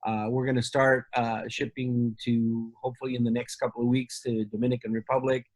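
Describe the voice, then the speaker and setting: A man's voice: mid-range voice, flat delivery, brisk, darkish tone. A man from Argentina, a company representative, talking casually in an interview with many fillers and restarts.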